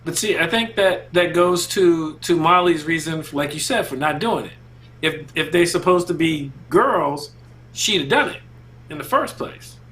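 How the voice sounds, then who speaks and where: A man co-hosting a casual panel podcast, talking in a relaxed, slangy way and laughing often. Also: on the high side, moderate pace. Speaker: podcast co-host.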